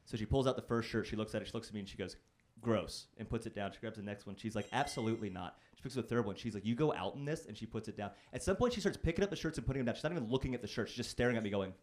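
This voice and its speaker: A man's voice: fairly low pitch, rapid-fire, few pauses, a little mellow. A man performing a stand-up set on a comedy club stage, telling stories in a conversational, self-deprecating, wry way into a handheld mic.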